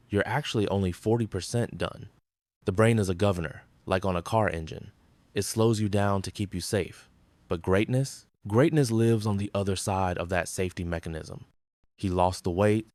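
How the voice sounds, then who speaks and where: A man's voice: on the low side, darkish tone, no room sound. A man giving dramatic scripted narration in intense, punchy short phrases.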